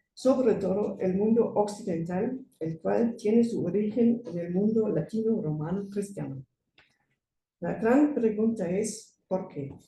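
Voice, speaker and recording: A woman with a German accent reads an academic paper in a very soft, dark tone. Her delivery is careful and a little halting. She is picked up from a distance in an echoey room with faint noise. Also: medium pitch. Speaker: conference speaker. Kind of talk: scripted academic paper read aloud. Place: conference room.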